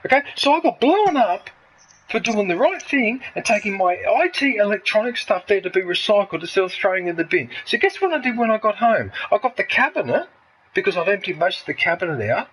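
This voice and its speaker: A man's voice: sits high, very animated, fairly quick, fairly bright tone, slight background noise, low-quality recording. A man in his fifties from Australia, ranting angrily and swearing heavily in a casual chat. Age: 50s. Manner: heated, swearing, repetitive ranting. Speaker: streamer.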